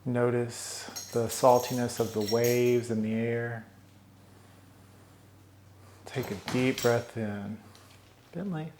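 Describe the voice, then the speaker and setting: Slow, calm male meditation guide. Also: mid-range voice, a little hiss or hum. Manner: calm, soothing instructions with long pauses. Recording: roomy echo.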